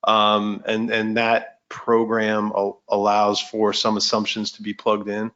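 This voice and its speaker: A man's voice: fairly low pitch, monotone, slow, fairly bright tone, lo-fi sound. A man moderating a casual meeting discussion, chatty with many fillers and restarts.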